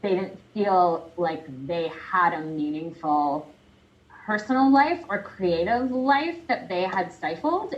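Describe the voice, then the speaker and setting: A woman career coach answering a question in an interview, animated and chatty, laughing often and talking with lots of fillers. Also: lowish voice, lo-fi sound.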